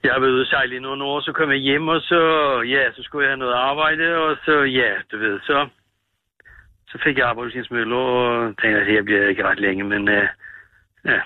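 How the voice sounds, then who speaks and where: A man's voice: mid-range voice, fairly even intonation. A man in his sixties, a crane driver calling in, answering in a plain, hesitant and brief way. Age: 60s. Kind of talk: casual phone interview. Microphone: telephone. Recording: tinny phone line.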